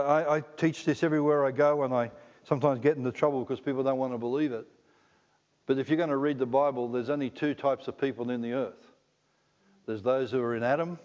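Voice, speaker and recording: Here a middle-aged man with an Australian accent delivers a sermon, joking around and regularly asking his listeners questions. His voice sits at medium pitch with a darkish tone, captured in a dull, lo-fi recording of a reverberant hall.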